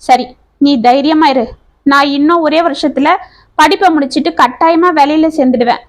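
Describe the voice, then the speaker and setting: Woman doing earnest young man, devoted and determined, high voice. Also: normal speed, natural voice.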